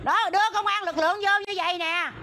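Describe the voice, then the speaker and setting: A woman's voice: extremely high pitch, fairly even intonation, quick pace, sharp tone, slight background noise. A middle-aged woman with a Southern Vietnamese accent from the Mekong Delta, pleading agitatedly in a livestream from a roadside near a school. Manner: agitated, pleading, repeats "there" to point things out. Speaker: protester livestreaming a land dispute. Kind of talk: impassioned livestream appeal. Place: outdoors by a road near a school.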